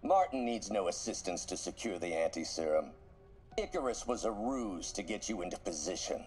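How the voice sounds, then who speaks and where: An actor playing a calm, villainous male scientist mastermind in a video game, speaking in a measured, formal way. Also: sits low, soft background music. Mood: cold.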